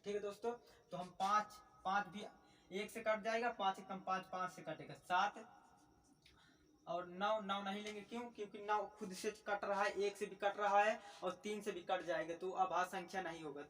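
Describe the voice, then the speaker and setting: High-voiced man teaching maths, distant mic. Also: steady tone, a bit bright. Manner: repetitive, asks and answers his own questions; slow dictation while writing definitions. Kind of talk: classroom maths lesson.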